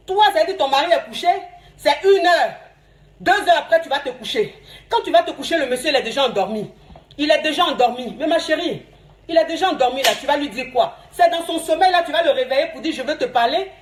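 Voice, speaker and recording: A woman's voice: high voice, echoey room. A woman giving casual marriage advice to other women in a coaxing, chatty way, laughing often as she talks. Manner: warm, coaxing, often laughing, repeats "ma chérie".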